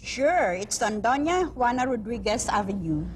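A woman playing a helpful friend explains directions in a scripted lesson dialogue. Her pitch is a little high, with faint noise behind her. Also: very animated, normal speed. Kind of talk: scripted listening-test dialogue.

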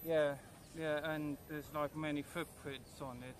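A man's voice: a little high, flat delivery. A man talking through a fox costume head, chatting on an outdoor walk, giggling often and stumbling over his words. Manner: giggly, halting, repeats words. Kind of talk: casual chat on an outdoor walk. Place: outdoors by a resort pool and beach. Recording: outdoor noise with birds.

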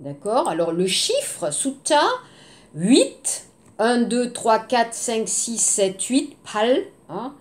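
A woman's voice: on the high side, big pitch swings. A woman teaching French, patiently repeating words and drilling pronunciation. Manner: patient, repeats words slowly, mixes in Korean. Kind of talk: language lesson, drilling words.

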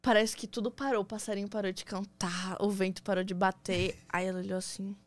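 A woman's voice: mid-range voice, level tone, brisk. A young woman with a Brazilian Portuguese accent, a podcast guest telling her story in casual conversation and acting out the dialogue she quotes.

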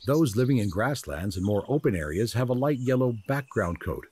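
A man reading scripted nature documentary narration in a measured, descriptive manner, as the narrator of a wildlife film. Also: medium pitch, lively intonation, a little mellow, slightly rough. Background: music.

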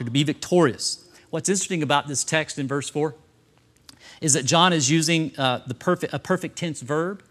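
A man's voice: a little high, fairly bright tone. A middle-aged male pastor preaching a sermon to his congregation, emphatic and engaging them with questions and light humor. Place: church service before a congregation.

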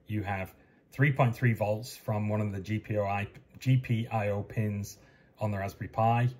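A man in his fifties talks through wiring steps methodically, repeating each one plainly. His voice is fairly low and husky. He is recorded on a desk webcam in a basement workshop. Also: darkish tone. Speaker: DIY sailing electronics presenter. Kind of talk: technical tutorial.

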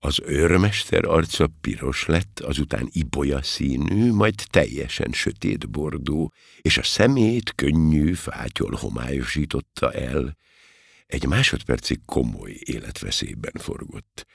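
Deep gravelly older male narrator. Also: dry recording, clean studio sound. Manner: expressive, gravelly, deep, with wide swings in pitch. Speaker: audiobook narrator. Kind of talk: scripted narration, comic novel.

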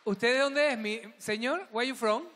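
A man's voice: extremely high pitch, unhurried, bright, forceful tone. A man hosting a live gala, joking and teasing the audience in a camp way. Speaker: gala host. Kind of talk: live stage banter with the audience. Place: large hall at a live gala. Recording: echoing hall, crowd noise.

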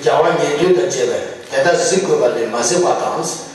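A man, a Buddhist lama, giving a religious teaching in a loose, halting way with frequent chuckles, recorded from a distance in a large monastery hall. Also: medium pitch, slight background noise. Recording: echoey hall from far off.

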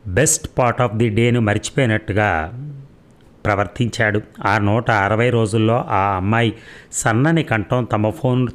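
A man narrating a story aloud in a measured, reflective way, lingering on key phrases. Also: lowish voice. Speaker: audiobook narrator.

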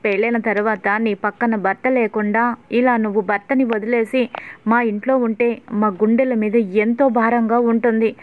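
A woman's voice: a little high, fairly even intonation, moderate pace, natural voice. A woman voicing an angry middle-aged mother who scolds her daughter, on tinny phone-like audio. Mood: scolding. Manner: scolding, reproachful.

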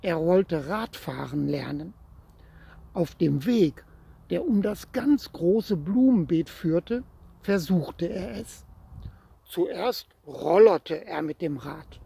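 A man reading a children's story aloud in a gentle way, speaking straight to the child listening, with a husky voice. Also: high-pitched, expressive, slow pace.

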